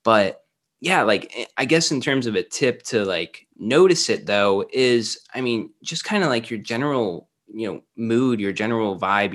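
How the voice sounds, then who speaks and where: Lower-voiced man, hesitant and rambling. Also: a bit bright. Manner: hesitant, many fillers and restarts. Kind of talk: casual conversation.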